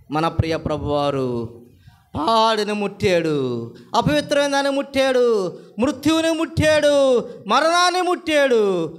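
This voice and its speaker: A man preaching a sermon, repeating phrases and asking the congregation rhetorical questions. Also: high-pitched. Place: church service.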